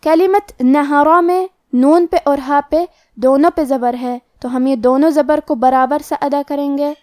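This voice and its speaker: A woman teaching tajweed, explaining each rule plainly and then reciting the words slowly. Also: high-pitched, fairly even intonation, darkish tone, dry recording, clean studio sound. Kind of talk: tajweed lesson with slow recitation.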